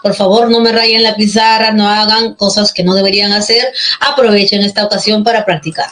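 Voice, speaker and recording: A woman's voice: mid-range voice, steady tone, fairly quick, a bit bright, poor audio. A woman teaching an online class, patient and checking often that students follow, with a Peruvian Spanish accent.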